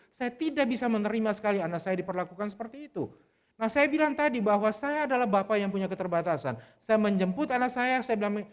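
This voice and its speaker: A middle-aged man preaching a sermon, telling a personal story in an earnest, conversational way with frequent restarts. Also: sits high. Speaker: pastor. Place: church service.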